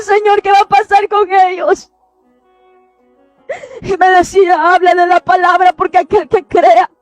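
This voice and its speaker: A woman preaches in a very high, narrowly pitched voice. She pleads fervently and often cries out through tears. The sound is close and dry, with soft music underneath. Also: dry recording. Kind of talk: impassioned testimony preaching.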